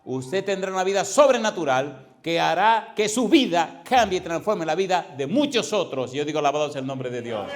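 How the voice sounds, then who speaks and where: A male pastor delivers a fervent sermon in a somewhat high voice. He stretches single words out slowly, then rushes through runs of phrases, hammering points home with repetition. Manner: fervent preaching with emphatic repetition; swings between slow stressed words and fast runs.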